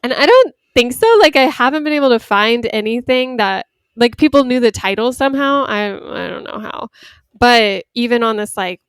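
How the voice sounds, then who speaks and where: A woman's voice: a little high, normal speed, clean tone, no echo, studio quality. A young woman co-hosting a podcast in casual chat, laughing often and using many fillers. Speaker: podcast co-host.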